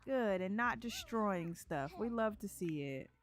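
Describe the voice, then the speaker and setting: A young woman chats casually while playing a life-simulation game, laughing often and voicing characters in little asides, let's-play style. Her medium-pitched voice is expressive and a little slow, with faint music behind her.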